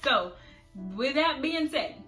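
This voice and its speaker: A quiet, soft-spoken woman from South Florida telling a reflective personal story in a storytime vlog. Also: sits high, animated, slow. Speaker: vlogger. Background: soft background music.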